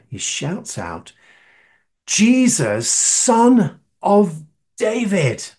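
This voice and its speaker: Slow, husky preacher. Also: male voice, on the high side, dark tone. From northern England. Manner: asks the listeners questions, emphatic. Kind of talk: sermon.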